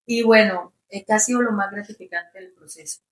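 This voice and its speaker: A woman's voice: medium pitch, steady tone, moderate pace. A woman hosting an interview, asking questions in a friendly, encouraging way. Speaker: interviewer, channel host. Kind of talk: casual interview.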